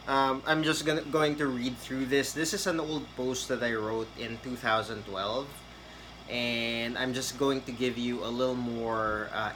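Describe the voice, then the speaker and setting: A man from the Philippines gives a casual, rambling tutorial to camera about getting hired in a call center, chatty and full of fillers and restarts. His mid-range voice is pushed and bright, and the poor audio has slight background noise.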